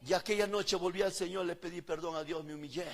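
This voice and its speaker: A man preaching a fervent sermon, swinging between loud calls and hushed words. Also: high voice, fairly even intonation, quick pace, in a large hall. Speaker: pastor.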